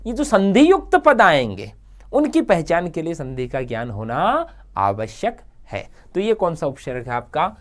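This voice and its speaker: A man's voice: fairly high pitch, huge pitch swings, a little slow. A man teaching a grammar lesson in a classroom-style delivery. He drags out each example word as if dictating it. He poses questions to his students, answers them himself, and keeps asking listeners to repeat the words aloud with him.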